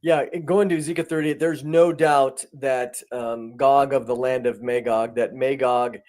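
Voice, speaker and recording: A man giving conversational commentary as a guest, animated, with many restarts and rising emphasis. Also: medium pitch, moderate pace.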